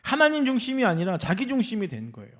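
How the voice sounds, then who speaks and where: A man preaches from the pulpit with a fairly high voice that swoops up and down with feeling. He keeps turning to the congregation with questions and lets his points land hard. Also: fast. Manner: animated preaching, often asking the congregation questions. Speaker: senior pastor. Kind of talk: sermon. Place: church sanctuary.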